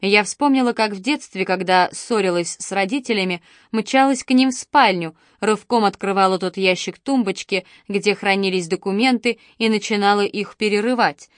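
A woman reads a first-person novel aloud in a steady, expressive way. Her voice sits in a middle register, neither high nor low. The close studio recording is dry, with no room sound. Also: moderate pace, few pauses, no echo. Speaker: audiobook narrator.

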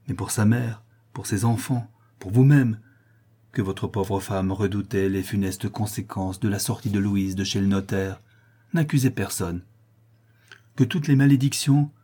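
A man voicing a grave, solemn male protector who speaks with conviction in a storybook reading. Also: fairly low pitch. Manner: grave, solemn, forceful declamation.

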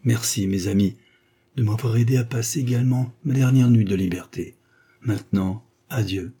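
A man's voice: fairly low pitch, normal speed, mellow, husky. A man voicing a doomed aristocratic count, speaking with courtly, earnest declamation. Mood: urgent. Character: doomed aristocratic male count, gracious and composed.

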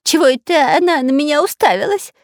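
A woman's voice: sits high, brisk, no echo, clean studio sound, voice pushed up, lightly acted. Woman doing a squealing cowardly spy. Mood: scared. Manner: wailing, squealing, stammering. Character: whiny cowardly long-nosed male spy.

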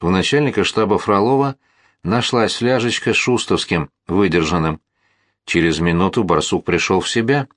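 A man narrating a historical novel as an audiobook, in a measured, steady storytelling manner. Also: sits low, no room sound, clean studio sound.

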